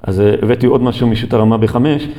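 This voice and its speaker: A man giving a recorded Torah lesson, speaking haltingly with many drawn-out filler sounds. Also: medium pitch, fairly even intonation, dark tone. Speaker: Torah teacher.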